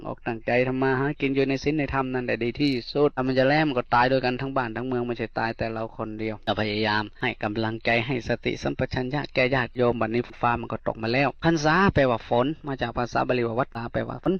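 A man's voice: medium pitch, flat delivery, quick pace, gravelly, hardly any pauses, no room sound. Man, Buddhist monk, Isan accent, middle-aged, folksy dharma sermon, dry dull recording. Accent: Isan Thai. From Northeast Thailand. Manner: folksy, storytelling, repeats key words.

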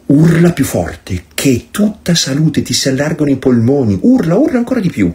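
A priest voicing a mother who teasingly urges her crying child to scream louder. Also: on the high side, sing-song, moderate pace, voice pushed up. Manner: teasing, mock-encouraging.

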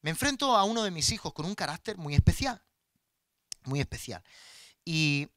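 A middle-aged pastor preaches in a fairly high voice, pouring himself into personal stories for his congregation. He talks with animation and acts out the people in his anecdotes. The sound is close and dry, with no room echo. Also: big pitch swings, moderate pace, sharp tone. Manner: personal, impassioned storytelling addressed to the congregation. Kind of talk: sermon.

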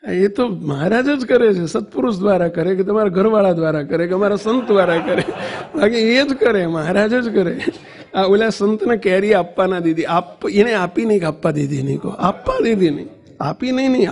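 A man's voice: sits high, brisk, creaky. A man preaching a devotional sermon to a temple congregation, telling stories, acting out quotes and asking the listeners questions. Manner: animated storytelling, acts out quotes, asks the audience questions. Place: temple assembly hall.

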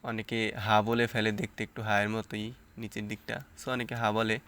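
A man's voice: fairly low pitch, completely flat delivery, a little fast, fairly bright tone, clear, resonant tone. A man with a Bangladeshi Bengali accent teaching Quran reading, spelling out each letter and vowel sign aloud and then explaining common pronunciation mistakes. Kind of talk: slow spelled-out recitation lesson.

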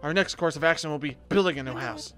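A man's voice: on the high side, quick pace, music in the background, close to an everyday voice. A man reading aloud the lines of a polite, businesslike male raccoon dog shopkeeper from a video game. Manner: read aloud from game text.

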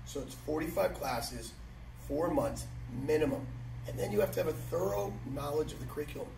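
A man's voice: on the high side, lively intonation, a little fast, creaky. Emphatic male instructor in echoey gym. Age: middle-aged. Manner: emphatic, repeats key phrases. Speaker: martial arts instructor. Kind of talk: instructional talk to students. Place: large matted martial arts gym, indoors. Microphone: camera several metres away. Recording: echoey hall, distant mic, background noise.

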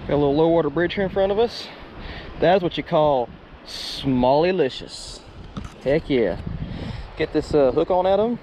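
A young man with a fairly high pitch narrates casually and excitedly as he fishes a river, tossing out folksy exclamations for his vlog. The head-mounted action camera gives a rough recording full of rushing water noise.

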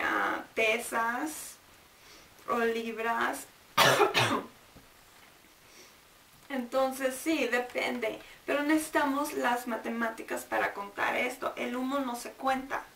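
High-voiced woman teaching, echoey room. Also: fairly even intonation, vocal fry, a bit bright, far from the mic, a little hiss or hum. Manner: drills words slowly, repeating and sounding them out. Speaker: English teacher. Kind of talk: bilingual grammar lesson.

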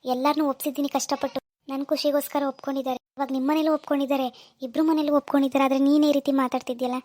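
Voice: sits high, level tone, very fast, a little mellow, no room sound, natural voice. A performer playing a young rich man's son who hid his wealth, coaxing and pleading with his fiancée on the phone. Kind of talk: amateur phone-call drama.

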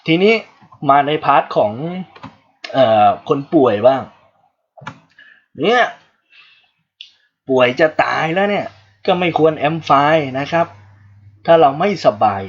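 A man's voice: fairly high pitch, animated, slow, long pauses, lo-fi sound. A man from Thailand giving a casual livestream English lesson, joking asides to his viewers. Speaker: English teacher.

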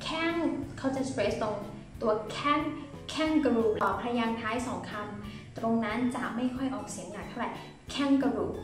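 A woman's voice: on the high side, moderate pace, distant mic. A woman from Thailand teaching a phonics lesson, repeating each word and explaining where each sound is made in the mouth. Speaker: English pronunciation teacher. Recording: very echoey room with faint music.

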